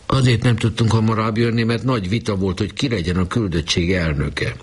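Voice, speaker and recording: A man voicing an earnest schoolboy who explains in a hushed voice in a storybook reading. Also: on the low side, husky, voice pushed up. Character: eager schoolboy, spokesman of a boys' club.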